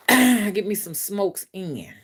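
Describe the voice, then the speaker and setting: Speaking slowly in a mid-range, slightly rough voice with lively intonation, a woman runs an informal spiritual live stream on her phone. She rambles, repeats herself, and chats straight to her viewers as she reads their comments.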